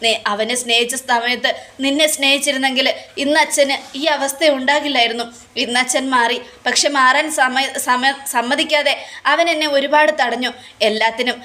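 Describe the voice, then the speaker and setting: A woman's voice: high voice, bright, forceful tone. A woman reading out the lines of a remorseful aging father, recounting a scene in her own voice.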